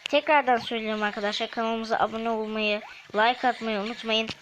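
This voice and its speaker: A woman with a somewhat high voice talks through her game as she plays. She chats with viewers and snaps at opponents. A faint hiss of noise sits under the recording. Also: steady tone, rough recording. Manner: chatty, quick to snap at opponents. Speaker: gaming channel host. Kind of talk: game commentary.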